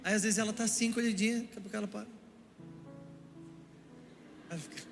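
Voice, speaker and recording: Animated young male pastor preaching in a hall. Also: sits high, fast, vocal fry. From Brazil. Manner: animated storytelling, playful asides to the congregation. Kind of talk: sermon. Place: church auditorium. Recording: echoey church hall with music. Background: music underneath.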